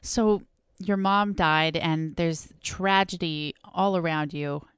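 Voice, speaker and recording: A woman hosting a podcast interview who responds quickly and encouragingly to her guest. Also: lowish voice, steady tone, clear, resonant tone, no room sound, studio quality. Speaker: podcast host.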